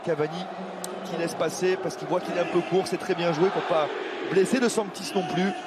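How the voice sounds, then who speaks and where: A Frenchman giving spontaneous replay analysis as a football co-commentator, emphatic and halting, repeating his phrases. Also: high-pitched, fairly even intonation. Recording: loud stadium crowd, noisy background. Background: football stadium crowd.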